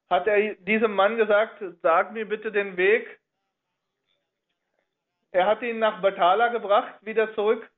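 A man with a high voice tells a religious history story. He speaks haltingly and keeps reshaping his sentences partway through. The sound is narrow and tinny, like a phone line. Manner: halting, reworks sentences mid-flow.

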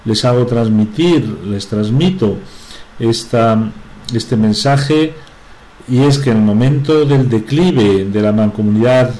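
A man delivers a religious talk at an unhurried, slow pace. His voice is dark and mellow, and he speaks haltingly, often restarting words and pausing with filler sounds. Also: mid-range voice, poor audio.

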